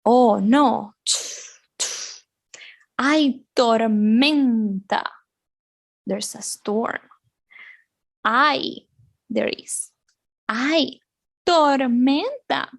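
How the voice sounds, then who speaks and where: A woman teaching a beginners' language lesson for children, animated and playful, repeating words slowly with sound effects. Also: a little high, gravelly, no room sound, clean studio sound. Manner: animated, exaggerated, slow repetitions with sound effects. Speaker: Spanish teacher.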